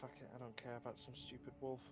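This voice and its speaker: A man's voice: medium pitch, level tone, fast talker, faint music behind. Brash joking man, tabletop player. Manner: quips, blunt and brash. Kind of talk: casual tabletop chat.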